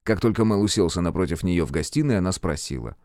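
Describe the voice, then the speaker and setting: A man narrating an audiobook with expressive storytelling. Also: low voice, quick pace, no room sound, studio quality. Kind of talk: scripted narration.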